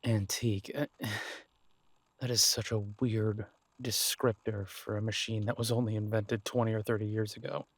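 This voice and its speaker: A man playing a weary, wry, low-key thief in an audio role-play, speaking in a muted, dry, exasperated manner. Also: level tone, moderate pace, no room sound.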